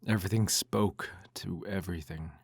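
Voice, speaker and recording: A man in an ASMR role-play reads a bedtime story aloud in a soft, intimate, hushed voice that slips into speaks softly. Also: low voice, fairly even intonation, moderate pace, creaky, slightly rough, no echo, clean studio sound.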